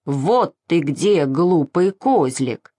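A woman voicing a gruff grown-up male farmer in a storybook reading, lower and slower than her own voice. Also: animated, warm tone, dry recording, studio quality, exaggerated voice.

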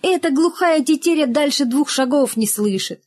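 A woman voicing a cheeky, lazy schoolboy who flatters his teacher in a wheedling, drawn-out way. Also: high voice, voice pushed up.

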